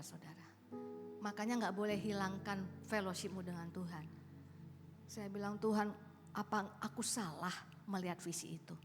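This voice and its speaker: A woman in her late fifties preaching a sermon as pastor, telling stories with animated bursts of loud exclamation. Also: medium pitch, slight background noise. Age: 50s. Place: large church auditorium. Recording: reverberant hall with music underneath.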